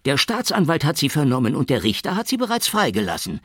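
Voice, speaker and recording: A man's voice: fast, heavily acted. A man voicing an agitated male police major who answers in a defensive, insistent way. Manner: excited, high-pitched, insistent.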